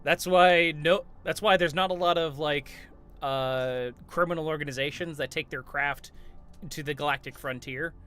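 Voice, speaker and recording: A man talking through a tabletop game with a laid-back, drawn-out delivery. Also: on the high side, fairly even intonation, sharp tone, clear, resonant tone, soft background music.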